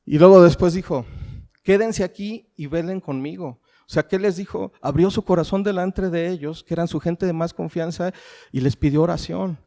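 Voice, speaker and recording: A man's voice: fairly high pitch, fairly even intonation, fairly quick, creaky, dark tone. A middle-aged man with a Mexican accent preaching a sermon, asking the congregation rhetorical questions and calling them family. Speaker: pastor. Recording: long hall reverb.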